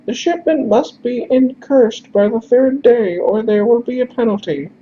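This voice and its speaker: A squeaky overly polite messenger. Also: male voice, a little slow, mellow, lo-fi sound, a little hiss or hum. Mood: pleading courtesy. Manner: overly courteous, flowery. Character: high-voiced polite male messenger, anxious.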